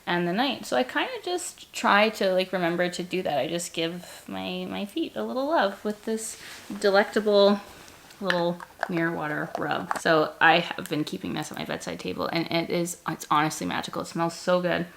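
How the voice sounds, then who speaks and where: A woman's voice: lowish voice, normal speed, gravelly, a little hiss or hum. A woman chatting casually and effusively as a vlogger, with a slight lisp from wearing retainers. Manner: effusive, gushing about products. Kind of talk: casual chatty product vlog. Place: bedroom, on the bed.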